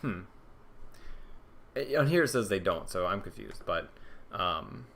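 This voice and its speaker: A man's voice: low-pitched, sing-song, measured pace, a bit bright. A young man streaming live, casually thinking aloud and answering viewer questions with plenty of ums and restarts. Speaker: fantasy football streamer.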